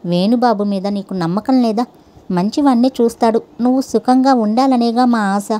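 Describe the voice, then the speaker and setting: Brief: woman reading as a soft-spoken, caring older lady of the house; mellow, warm tone, storybook. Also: fairly high pitch, normal speed, natural voice. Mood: gentle coaxing. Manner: soft, coaxing. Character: kind older mistress of a house, gentle and concerned.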